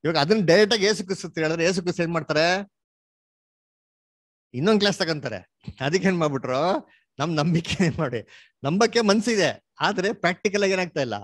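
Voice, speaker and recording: A man's voice: sits high, animated, brisk, long pauses, no echo, studio quality. A man teaching an interactive Bible study, asking his listener questions and having her read verses aloud, dropping English words into his talk. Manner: mixes English words into Kannada.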